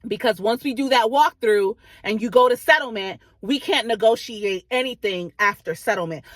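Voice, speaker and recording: A woman with a somewhat high voice speaks as a real estate agent advising home buyers. She explains things conversationally, often checking that listeners are following. The recording is dry, with very little room sound. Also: moderate pace, fairly bright tone, no room sound. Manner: conversational, explanatory, checks understanding with "right?" and "okay?". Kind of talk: informal advice talk to viewers.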